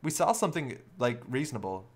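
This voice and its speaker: A man commentating a card game live, talking it through as he goes. His voice sits at an everyday middle pitch, and he reasons out each move in a loose, conversational way. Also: very animated, brisk. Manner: thinks aloud, working through plays step by step.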